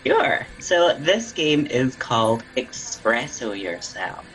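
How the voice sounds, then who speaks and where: A podcast host running an improvised comedy interview in the guise of a café server. The delivery is deadpan and teasing. The pitch sits mid-range. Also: slow pace, poor audio.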